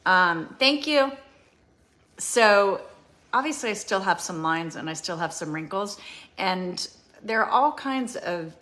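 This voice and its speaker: A woman in her fifties hosting a casual beauty product demonstration, chatty and often pausing on "um". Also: medium pitch, expressive, fairly bright tone. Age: 50s. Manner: chatty, with frequent ums. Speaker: beauty show host.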